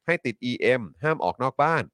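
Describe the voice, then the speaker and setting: A man's voice: medium pitch, expressive, fast talker, a bit bright, smooth, no room sound, clean studio sound. A man hosting a news talk show, reading updates politely and adding many courtesy particles.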